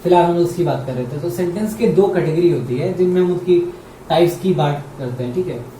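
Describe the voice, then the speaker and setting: A man's voice: fairly high pitch, brisk, dark tone. Male grammar teacher, roomy and far. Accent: Indian English. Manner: repeats key words and asks the class questions. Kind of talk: explaining grammar at a board in Hindi. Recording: roomy, mic far off, faint hum.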